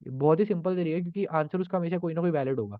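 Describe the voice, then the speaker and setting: A man's voice: on the high side, racing, no echo. A man walks through programming contest solutions, thinking aloud with many fillers and restarts. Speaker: programming tutor. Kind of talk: explaining contest solutions live. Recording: dry, phone-like narrow sound.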